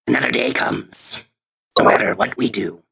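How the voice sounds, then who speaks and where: A man playing a weary, reflective, gently concerned adventurer in a tabletop game, husky and gravelly, speaking haltingly. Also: medium pitch, steady tone, no echo, exaggerated voice. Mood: pensive.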